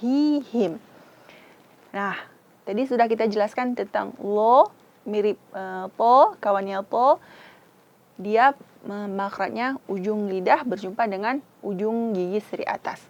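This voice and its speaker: Slow, patient female Quran teacher. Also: mid-range voice, a little mellow, muffled recording. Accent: Acehnese. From Indonesia. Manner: patient, demonstrates sounds syllable by syllable. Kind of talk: slow, careful tajwid instruction.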